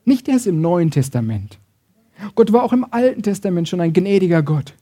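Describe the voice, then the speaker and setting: Man, preacher, sermon, mellow dark tone, impassioned, loud then hushed. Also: high-pitched, big pitch swings, normal speed. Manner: impassioned, swings between loud emphasis and soft intimacy; acts out quoted voices, uses tag question "ne?".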